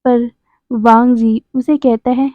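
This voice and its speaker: A woman's voice: on the high side, level tone, slow, dry recording, phone-quality sound. A woman narrating a fan fiction story, reading out the characters' lines in a slightly lifted voice, recorded on a phone. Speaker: fanfiction narrator. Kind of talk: storytelling narration with acted dialogue.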